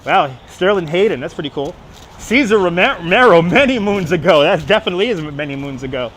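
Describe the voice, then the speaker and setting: His voice sits high and sounds animated and fairly bright, moving at a fairly quick clip. He's a middle-aged man with a Brooklyn accent on a casual walking live stream outdoors in Manhattan, chatting, answering viewers aloud as he reads them, and repeating himself amid the street noise of the city.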